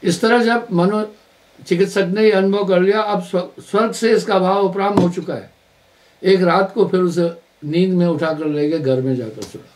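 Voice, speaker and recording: At a live satsang, a spiritual teacher preaches through stories, driving his points home with emphatic repetition of words. His voice is high-pitched and a little mellow.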